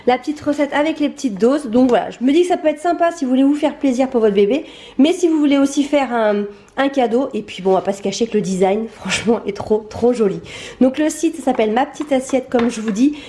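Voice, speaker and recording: A woman's voice: sits high, dark tone. A woman in her thirties, out of breath, chatting enthusiastically in a casual home vlog, filmed on a handheld camera. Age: 30s. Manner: chatty, enthusiastic, many fillers. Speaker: vlogger.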